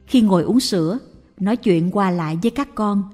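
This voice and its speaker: A woman slowly and calmly reading a Buddhist story aloud. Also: mid-range voice. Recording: reverberant with faint music.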